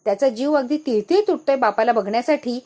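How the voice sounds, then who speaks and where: A woman narrating a casual recap of a television serial episode in a lively storytelling manner. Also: a little high, quick pace.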